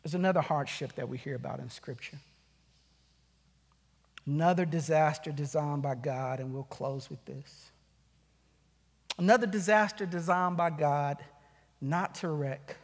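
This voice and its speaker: A man's voice: fairly high pitch, long reverb tail. A man preaching an earnest sermon as pastor, rising to urgent calls.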